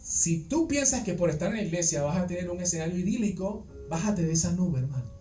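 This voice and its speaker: A man's voice: high voice, lively intonation, fast talker, dark tone. Male preacher, conversational sermon, roomy distant church sound. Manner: conversational, rhetorical questions, checks on listeners. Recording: echoey church, distant mic, faint music.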